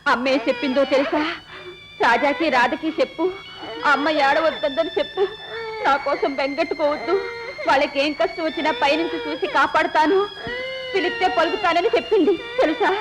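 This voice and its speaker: A soothing, tearful village aunt, played by a woman, with a high voice that stays gentle. She sounds like a scene from an old film drama, with a clear score behind her. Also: fairly quick, pauses often, over music, lightly acted. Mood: tearful comfort. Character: tender village aunt, middle-aged woman. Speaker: aunt comforting children.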